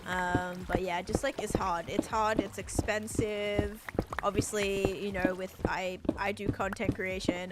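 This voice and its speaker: A young Australian woman with a medium-pitched, slightly congested voice chats casually on a live stream, rambling as she reads the chat aloud. The clip is very noisy, with background music playing underneath.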